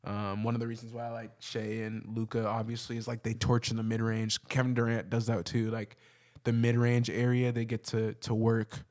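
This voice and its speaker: A man chats casually about sports as a podcast host. His delivery is conversational and full of slang, with a medium-pitched voice. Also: monotone, normal speed, darkish tone.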